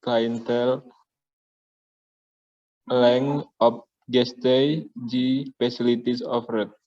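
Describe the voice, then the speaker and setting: Slow, flat Indonesian student reading aloud. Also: male voice, medium pitch, dull audio. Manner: halting, careful reading with stumbles. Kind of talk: reading a textbook passage aloud. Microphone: video call.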